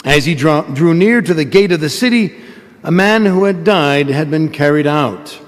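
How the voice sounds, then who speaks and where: Priest with a long church echo. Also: male voice, fairly high pitch, animated, normal speed. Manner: conversational storytelling with self-mocking humor. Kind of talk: gospel reading and homily at Mass. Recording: echoey church with long reverb.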